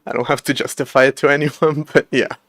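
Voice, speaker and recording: A man's voice: mid-range voice, steady tone, fairly quick, a bit bright, no echo, studio quality. A man in his late twenties chatting casually on a coding livestream from a room at home, rambling and self-deprecating with frequent laughs. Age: late 20s. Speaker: livestreamer coding an operating system.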